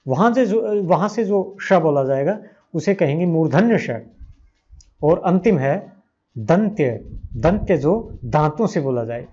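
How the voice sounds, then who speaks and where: A man's voice: fairly high pitch, darkish tone. A man teaching Sanskrit grammar with a Hindi accent, patiently repeating each sound aloud for his learners. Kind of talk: slow spoken grammar lesson. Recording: slightly dull lo-fi recording.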